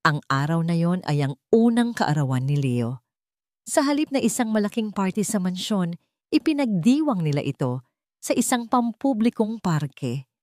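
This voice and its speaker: In this scripted dramatic audio story, a woman with a Filipino accent narrates in a lowish, expressive voice at normal speed. Her tone is a little mellow, and the recording is dry with clean studio sound.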